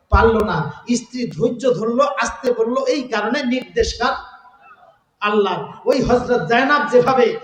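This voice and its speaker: A man preaching a fervent sermon, chanting verses in a drawn-out singing tone and putting rhetorical questions to the crowd. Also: very high voice. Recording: echoey hall with long reverb.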